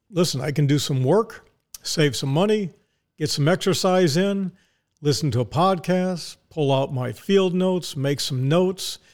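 A man with a slightly high-pitched voice hosts a casual solo podcast. He talks in a folksy way, posing rhetorical questions and answering them himself. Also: vocal fry, darkish tone. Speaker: podcast host. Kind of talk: casual monologue talk.

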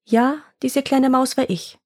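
A woman's voice: sits high, steady tone, unhurried, a little mellow, no room sound, studio quality. A woman voicing an enchanted mouse bride who becomes a gracious young princess in a storybook fairy tale.

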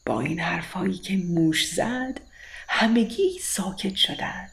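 A woman telling a children's bedtime story in a gentle, even read-aloud manner. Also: on the low side, vocal fry.

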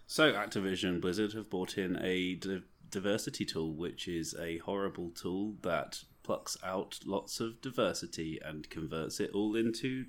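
Low-voiced man riffing deadpan. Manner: deadpan improvised nonsense, protests loudly. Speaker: quiz contestant. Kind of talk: casual comedic podcast banter.

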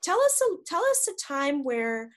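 Chatty woman host, slightly high voice. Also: big pitch swings, a little slow. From United States. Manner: chatty, full of restarts and repeated words. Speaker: podcast host. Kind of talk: casual interview chat.

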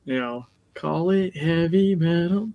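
A man's voice: fairly high pitch, slow pace, narrow, tinny audio. A middle-aged man co-hosting a casual game podcast, rambling and laughing as he talks. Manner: rambling, self-interrupting, laughs often. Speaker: podcast co-host. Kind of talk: casual chat.

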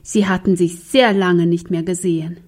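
A woman reading a Bible story aloud for young children, in an earnest, gentle storytelling manner with questions to her listeners. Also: fairly low pitch, fairly even intonation, normal speed.

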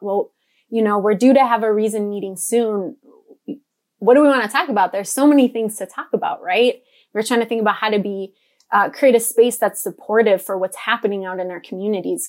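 Earnest woman from Guatemala. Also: mid-range voice. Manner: earnest, flowing speech with fillers. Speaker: podcast guest. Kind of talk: casual podcast conversation.

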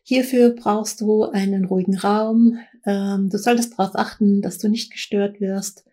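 A woman leading a guided meditation as a spiritual coach, gently instructing in a soothing, unhurried way with pauses. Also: medium pitch, steady tone.

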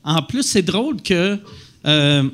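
A man's voice: on the high side, expressive, takes it slowly, fairly bright tone. A man with a Québécois accent, chatting and joking animatedly about his comedy shows. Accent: Québécois French. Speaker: comedian guest. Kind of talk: casual chat.

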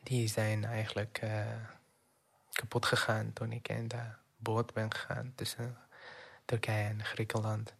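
Slow, gravelly young man from Syria. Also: on the low side, monotone, a bit bright. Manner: halting, with many pauses and fillers, dropping in English words. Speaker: refugee telling his story. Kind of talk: personal testimony.

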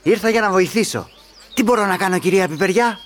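A man's voice: sits high, slight background noise, lightly acted. A man voicing a shy, sad little onion in a children's audio story, talking timidly and plaintively.

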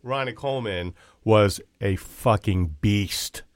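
A man's voice: lowish voice, slow pace, no room sound, clean studio sound. A man co-hosting a podcast, casual and blunt, swearing and breaking in with tangents. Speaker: podcast co-host.

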